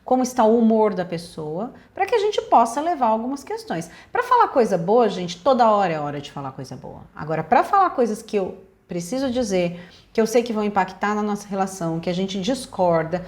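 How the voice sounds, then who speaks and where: A woman's voice: medium pitch, sing-song, brisk, a little mellow. A woman psychologist with a Brazilian accent giving relationship advice in a direct, emphatic way, speaking straight to viewers. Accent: Brazilian Portuguese.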